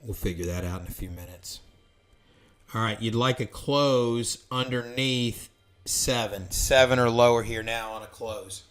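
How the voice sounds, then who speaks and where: A man's voice: mid-range voice, measured pace, fairly bright tone, faint music behind. A man giving live trading commentary, calling out prices and orders in short bursts and talking himself through the trade.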